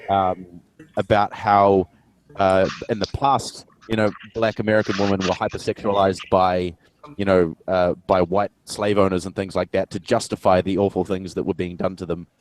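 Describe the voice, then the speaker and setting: A man's voice: lowish voice, slight background noise. A man in his twenties chatting casually with friends, rambling with lots of fillers and restarts and swearing freely. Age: 20s. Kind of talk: casual group chat.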